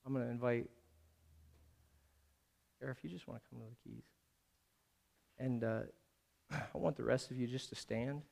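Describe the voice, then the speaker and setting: A man preaching a sermon, telling a story and then rising into loud, urgent appeals before dropping into quiet prayer. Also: steady tone, normal speed, creaky, pauses often. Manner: storytelling preacher who builds to loud, high-pitched exhortation. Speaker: pastor. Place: church service.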